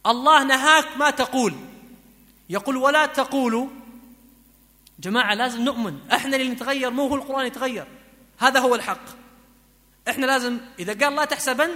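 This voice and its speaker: A man preaching a sermon, chanting verses slowly and moving between soft pleading and emphatic exhortation. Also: extremely high pitch. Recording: long hall reverb.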